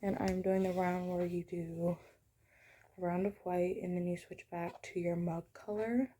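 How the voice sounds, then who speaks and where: Soft-spoken young woman, low and even. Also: measured pace, a little hiss or hum. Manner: soft-spoken, sometimes hushed. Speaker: crochet vlogger. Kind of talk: casual crochet tutorial chat. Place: at home.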